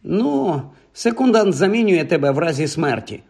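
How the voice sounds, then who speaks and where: A man voicing an excitable, easily amazed schoolboy. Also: a little high, a little fast, husky, pitched above the performer's own voice. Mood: excited.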